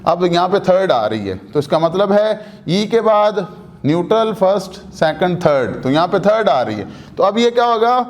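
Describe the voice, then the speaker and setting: A male language teacher, a native Urdu speaker, explaining Chinese tone rules to students. He asks questions and answers them himself, repeats example words slowly, and mixes in English terms. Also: high-pitched, sing-song.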